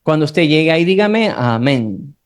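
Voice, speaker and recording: A preacher from Ecuador with a Guayaquil accent, giving a Bible study sermon, reading scripture slowly and adding friendly asides to the congregation. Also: medium pitch, expressive, smooth. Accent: Guayaquil Ecuadorian Spanish. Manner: slows down when reading scripture aloud, conversational asides to the congregation.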